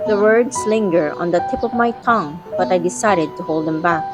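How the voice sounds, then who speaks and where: A woman's voice: lowish voice, brisk, lightly acted, poor audio. Woman acting a guarded, feisty young woman. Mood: wistful. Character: guarded, feisty young woman, secretly attached to her companion. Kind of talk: first-person audio drama narration and dialogue. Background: background music.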